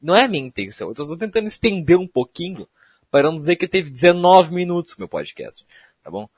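A man's voice: fairly high pitch, very animated, fast, breathy edge, no echo. A young man from Brazil, hosting a solo podcast in a rambling, slangy, self-mocking way. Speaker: podcast host. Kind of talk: casual solo podcast monologue.

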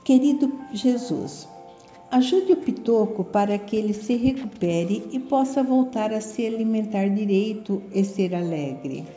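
A devout little Brazilian girl of six from a children's storybook, played by a woman narrator. She speaks slowly and earnestly, trusting and pleading. The tone is soft and dark, in an echoey room. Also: mid-range voice, animated, dull audio, faint music behind, close to an everyday voice. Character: earnest, devout six-year-old girl praying for her puppy.

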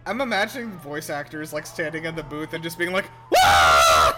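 Loud music from a film soundtrack plays behind this podcast co-host, a man with a fairly high voice who speaks at normal speed but very loudly and animatedly. He reacts to the film casually, joking, amused and swearing freely.

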